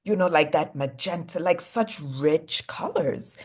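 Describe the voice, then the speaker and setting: A low-pitched young woman from Congo chats easily as a guest in an interview. She speaks in loose, relaxed sentences, leaning on "you know" and "like" as she explains her work. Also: a little slow, husky. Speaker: fashion designer guest. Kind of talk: casual interview chat.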